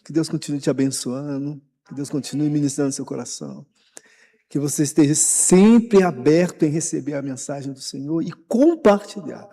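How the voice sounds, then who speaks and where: Creaky and mellow, the man's voice is on the high side and keeps a moderate pace. He's a pastor with a Brazilian Portuguese accent giving an informal Bible study sermon in a long-reverb church hall, animated and repetitive as he encourages the church.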